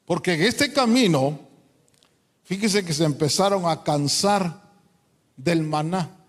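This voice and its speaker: Fervent preacher, high voice. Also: male voice, lively intonation, takes it slowly. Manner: fervent, swinging from quiet asides to loud pleading. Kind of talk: sermon. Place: church hall. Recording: long hall reverb.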